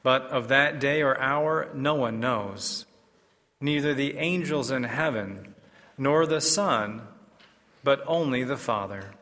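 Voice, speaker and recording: A man serving as a priest, reading the gospel and preaching a homily in a measured, unhurried way with the odd filler and restart, heard in the long reverb of a large church. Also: mid-range voice, pushed and bright.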